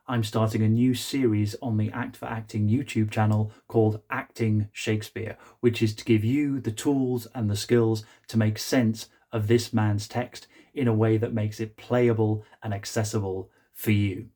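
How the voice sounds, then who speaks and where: A man speaks as an acting coach addressing his viewers. His voice is fairly low, mellow and husky. He articulates deliberately and uses emphatic pauses as he explains. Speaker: acting coach presenting a video series. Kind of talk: scripted talk to camera promoting acting lessons.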